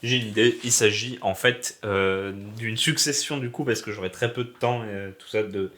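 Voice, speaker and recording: A man's voice: on the low side, moderate pace, over music. Sick, coughing man vlogging casually. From Alsace, France. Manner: slangy, self-mocking, rambling. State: sick with a sore throat, coughing. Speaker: hobby game developer vlogger. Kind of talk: casual vlog chat.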